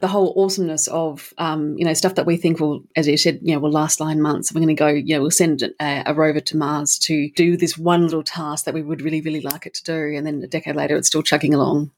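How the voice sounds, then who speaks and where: A woman in a casual podcast chat, playful and quick to joke. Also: low-pitched, level tone, darkish tone.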